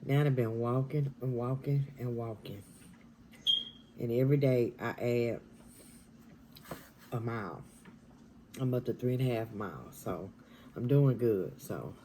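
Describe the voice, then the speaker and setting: A woman, chatting casually while eating on camera in her dining room, talking softly and half-whispering. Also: very deep voice, slight background noise, rough recording. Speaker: mukbang vlogger.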